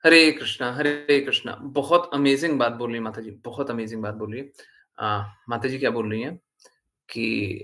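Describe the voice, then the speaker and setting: A man's voice: medium pitch, fairly even intonation, moderate pace, bright, forceful tone. A man giving an earnest devotional talk to followers, explaining patiently and repeating his points for emphasis. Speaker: spiritual teacher.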